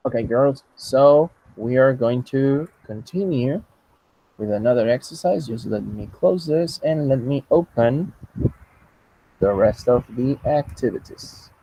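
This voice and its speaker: A man's voice: medium pitch, expressive, slow pace, warm tone, no echo, dull audio. A man teaching English over a video call, patient and joking, switching between English and Spanish. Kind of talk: online class, bilingual teaching. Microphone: computer mic on a video call.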